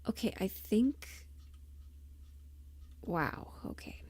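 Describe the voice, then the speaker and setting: Whispering a livestream as she works, a woman chats casually, often muttering half to herself and trailing off. Her voice is medium in pitch with lively intonation, extremely slow, darkish and slightly rough. She hosts livestreams and does audio performance.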